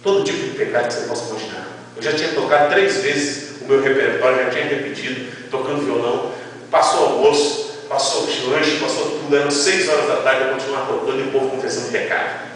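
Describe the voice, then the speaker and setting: A male preacher from Brazil telling a testimony in a sermon, acting out dialogues with lively storytelling. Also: mid-range voice, fast, slight background noise. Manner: animated storytelling, quoting God and people in dialogue. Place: large church. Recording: echoey church hall from far off.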